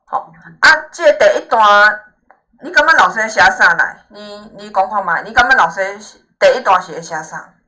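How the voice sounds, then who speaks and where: A woman's voice: mid-range voice, animated, moderate pace, sharp tone. A woman with a Taiwanese Hokkien accent teaching informally, reassuring and often tagging her points with little questions to check agreement. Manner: encouraging, reassuring. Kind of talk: informal lesson, explaining to a student.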